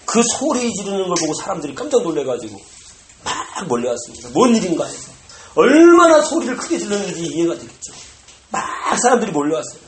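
A pastor delivering a sermon, animated and bursting into loud exclamations, recorded in a church sanctuary. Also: medium pitch, fairly quick. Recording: echoey room with faint noise.

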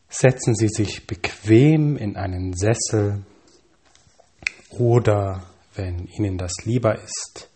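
A man calmly reading scripted guided relaxation instructions, with measured pauses and slow counting. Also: fairly low pitch, husky.

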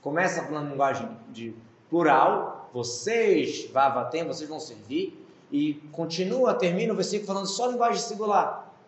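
A man's voice: on the high side, animated, normal speed, echoey room. A man with a Brazilian Portuguese accent teaching the weekly Torah portion, explaining Hebrew terms and asking himself questions. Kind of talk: Torah lesson.

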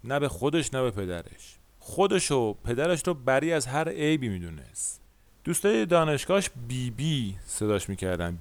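Male podcast host, Iranian Persian accent, smooth clear delivery, conversational storytelling, very dry close sound. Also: mid-range voice, no echo.

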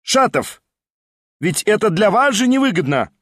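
A man voicing an agitated, pushy male schemer who keeps pressing and shouting questions. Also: high voice, animated, fairly quick, no echo, clean studio sound, voice pushed up. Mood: insistent.

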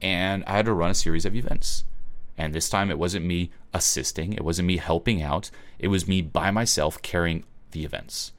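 A man's voice: sits low, moderate pace. A man from Switzerland giving a blunt, emphatic motivational webinar talk, swearing freely and often checking in with "okay?".

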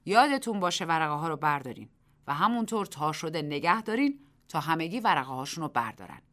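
A woman voicing a brisk male village official, commanding and clipped, in a radio story. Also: low-pitched, sing-song, a bit bright.

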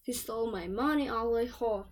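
A woman's voice: fairly high pitch, normal speed, voice pushed up, natural voice. A woman voicing a greedy old witch who asks in a sing-song, wheedling way after a stolen bag of money. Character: greedy old female witch hunting a thief.

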